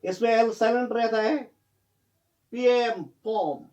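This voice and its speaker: Slow, spelling-out Hindi-speaking teacher. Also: male voice, very high-pitched, steady tone, darkish tone, dull audio. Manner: spells words letter by letter, then corrects. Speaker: English teacher. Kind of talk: classroom lesson on pronunciation.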